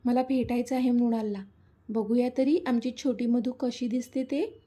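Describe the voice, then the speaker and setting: Storybook young mother, playful and coaxing, read by a woman; high, husky tone. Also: fairly even intonation, moderate pace, dark tone, natural voice. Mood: teasing.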